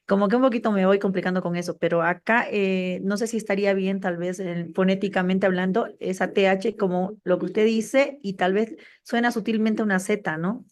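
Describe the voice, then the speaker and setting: A woman student in an online class, asking a question hesitantly with many restarts. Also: lowish voice.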